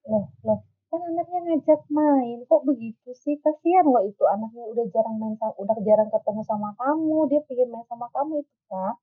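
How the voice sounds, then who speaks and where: A woman's voice: on the high side, lively intonation, a little fast, slightly rough. A woman playing a jealous wife and mother who scolds her husband, in an amateur skit. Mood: scolding. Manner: scolding, nagging. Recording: tinny phone-like lo-fi sound.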